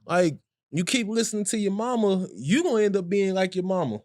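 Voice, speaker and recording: Animated American man in casual chat. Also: high voice, fairly quick, dry recording, studio quality. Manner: animated, emphatic, laughs a lot. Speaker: podcast co-host.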